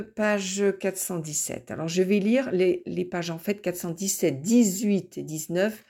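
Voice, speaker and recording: A woman teaching English pronunciation from a lesson book, reading words slowly with long pauses so learners can repeat. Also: medium pitch, warm tone. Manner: slow, deliberate, pausing between words. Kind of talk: recorded pronunciation lesson, reading word lists.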